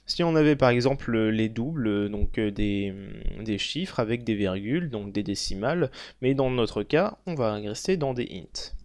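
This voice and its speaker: Halting young man explaining code. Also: lowish voice, lively intonation, a little mellow, no echo. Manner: halting, many fillers and self-corrections. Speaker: programming tutor. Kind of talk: screen-recorded coding tutorial.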